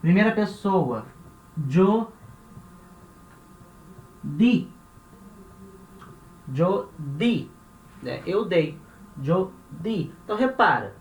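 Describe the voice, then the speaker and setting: A man's voice: sits high, animated, very slow, long pauses. Brazilian man teaching, echoey room. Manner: patient, repeats points, tags phrases with "né?" and "tá?". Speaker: Spanish teacher. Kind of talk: explanatory language lesson. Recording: echoey room with faint ambient noise.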